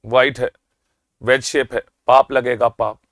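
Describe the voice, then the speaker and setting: A man with an Indian accent giving a rapid-fire revision lecture as a medical exam lecturer. He is energetic and teasing, quizzes the class, answers his own questions and stretches key terms out slowly. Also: mid-range voice, no room sound, studio quality.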